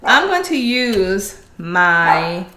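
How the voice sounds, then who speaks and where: Her words drawn out and her pitch swinging widely, a middle-aged woman chats with viewers as she leads a live craft tutorial from home, calling everyone "guys" while she works. Her voice is mid-range, and the recording is very noisy.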